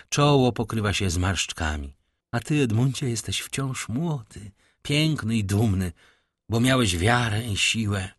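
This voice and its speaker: A man's voice: medium pitch, slightly rough, no room sound, studio quality. A man reading the lines of a grieving, self-reproaching woman of about forty in an audiobook. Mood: remorseful.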